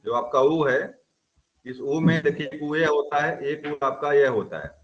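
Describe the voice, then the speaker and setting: A man's voice: a little high, measured pace, muffled recording. A man teaching grammar in an online class, explaining step by step and often checking whether students have understood.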